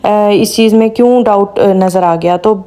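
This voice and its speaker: A woman vlogger talks straight to her audience in an easy, chatty commentary. Her voice is mellow and warm, sitting at an ordinary middle pitch. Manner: chatty, addresses viewers directly. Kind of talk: casual commentary to viewers.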